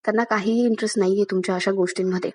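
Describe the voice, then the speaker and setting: A woman's voice: mid-range voice, steady tone, very fast, a little mellow, slightly rough, lightly acted. A woman voicing a controlling, scheming older sister who gives cold commands.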